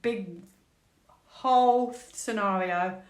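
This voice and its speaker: Woman, tarot vlogger: chatty and thinks out loud, prone to excited squeals. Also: medium pitch, slow pace. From United Kingdom. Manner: chatty, thinks aloud while drawing cards, with frequent fillers; bursts into excited squeals and laughter. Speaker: tarot reader. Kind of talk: tarot reading vlog.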